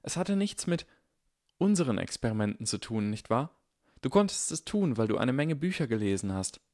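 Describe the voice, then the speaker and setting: A man's voice: on the high side, sing-song, darkish tone, voice pushed up. A man voicing an anxious, earnest young schoolgirl witch in an audiobook, pleading and worried. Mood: hesitant. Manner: pleading, worried, talks fast when upset. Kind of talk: audiobook character voice.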